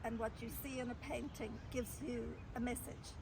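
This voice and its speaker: High-voiced woman interviewer, distant and noisy. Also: steady tone, normal speed. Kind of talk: casual interview. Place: outdoors at a zoo. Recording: distant mic, loud outdoor noise.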